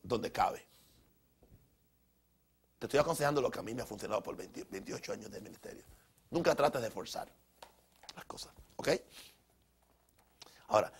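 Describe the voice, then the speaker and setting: A middle-aged male pastor preaching a sermon with a gravelly, creaky edge to his voice. His pitch sits in an ordinary middle range. He drives his points home by repeating phrases and often restarting mid-sentence.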